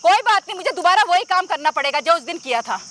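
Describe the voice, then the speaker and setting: Woman cast as a brazen, taunting mother-in-law, very high bright voice, amateur outdoor skit. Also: expressive, fast talker, slight background noise. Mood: insistent. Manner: pushy, taunting, insistent. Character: scheming middle-aged mother-in-law, brazen and domineering.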